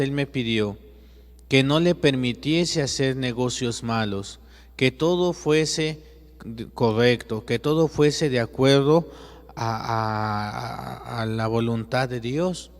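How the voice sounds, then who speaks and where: A man voicing a calm, patient divine teacher who explains things softly. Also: medium pitch. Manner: soft, measured, explaining. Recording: long echoey reverb.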